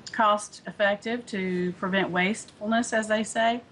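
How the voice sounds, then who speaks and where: Earnest woman with faint rumble behind. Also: fairly even intonation, unhurried, a bit bright, rough recording. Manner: earnest, many fillers and restarts. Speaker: interview guest, environmental advocate. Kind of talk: remote news interview. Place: remote studio link.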